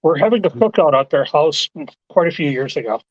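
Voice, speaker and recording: A man's voice: fairly high pitch, animated, fairly quick, no room sound, highs cut off. A man telling teasing anecdotes in a casual live-stream chat.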